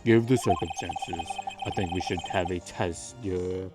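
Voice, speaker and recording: A man's voice: deep voice, moderate pace, lightly acted. A man voicing a stern, formal judge for a video game, with stilted amateur bad acting. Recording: loud music under voice.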